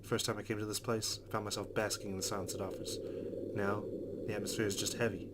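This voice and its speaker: Game text gets read aloud by a lowish-voiced let's play host who talks fast and throws in his own casual remarks about the visual novel. Background noise is loud and constant.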